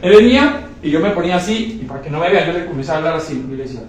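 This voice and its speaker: A man preaching a sermon in a church hall, telling stories with lively repetition of his words. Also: a little high, rapid-fire. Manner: animated storytelling with many repeated words. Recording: very echoey hall, voice far from mic.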